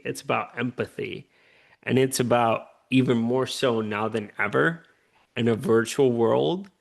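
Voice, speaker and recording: A man's voice: medium pitch, vocal fry. A man, an earnest, upbeat interview guest who often checks in with "right?". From Puerto Rico. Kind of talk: conversational interview.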